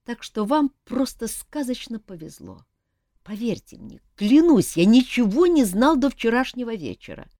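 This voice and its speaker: A woman reading an audiobook, voicing a lively, cheeky young male court jester who teases and pleads. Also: on the high side, normal speed, no room sound, clean studio sound, voice pushed up. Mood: pleading. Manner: animated, teasing, pleading.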